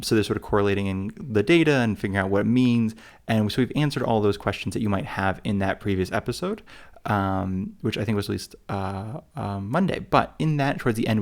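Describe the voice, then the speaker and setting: A podcast co-host with a lowish voice talks a little fast in casual travel-podcast chat. He rambles and jokes at his own expense, full of fillers and restarts.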